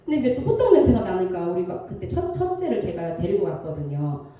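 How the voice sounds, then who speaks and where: A pastor's wife in her thirties giving an animated testimony sermon, acting out the voices in her story. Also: mid-range voice, a little fast. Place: church sanctuary. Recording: very echoey church from a distance.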